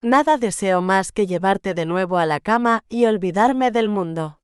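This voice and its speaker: A woman reading the part of a young gentleman in love, speaking low and husky, soft and teasing. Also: expressive, moderate pace, no room sound, studio quality, natural voice. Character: young English gentleman, devoted tender husband.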